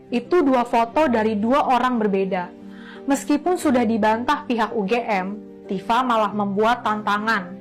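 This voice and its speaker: Woman reading a news-style script, kinda high voice, even reporting tone, faint music behind. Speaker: news narrator. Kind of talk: scripted narration.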